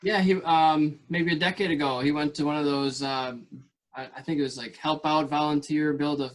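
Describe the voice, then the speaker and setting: Male podcast host, fairly high voice, relaxed and chatty, loose rambling delivery. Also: normal speed. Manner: easygoing, chatty, trails off mid-thought. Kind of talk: casual interview chat.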